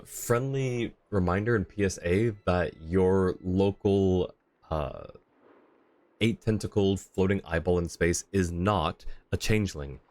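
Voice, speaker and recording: A man streams a game live, chatting casually and joking with viewers while halting and interrupting himself. His voice sits low, with no echo.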